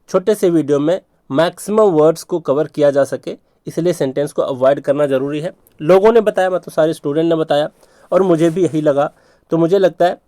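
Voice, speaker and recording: A man's voice: a little high, dark tone, dry recording. A man teaching vocabulary tricks for exams, repeating points and checking in with rhetorical questions. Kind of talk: exam vocabulary lesson.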